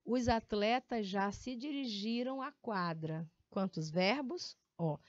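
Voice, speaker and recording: A woman's voice: medium pitch, takes it slowly, no echo. A woman with a Brazilian accent teaching a grammar lesson, explaining step by step and checking in with frequent tag questions. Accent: Brazilian Portuguese. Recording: dull lo-fi audio.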